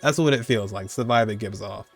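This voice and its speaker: A man in his twenties hosts a video countdown, talking quickly in a lowish voice. His commentary is casual and rambling, with music playing underneath.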